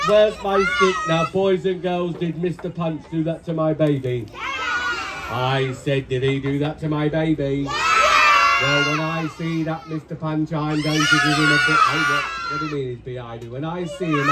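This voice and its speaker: Judy, a puppeteer's squawky scolding puppet wife. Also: medium pitch. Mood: threatening. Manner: calls out to the children, scolding and shouting. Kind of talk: live Punch and Judy puppet show. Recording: loud crowd and noise, live outdoor show. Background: shouting children in the audience.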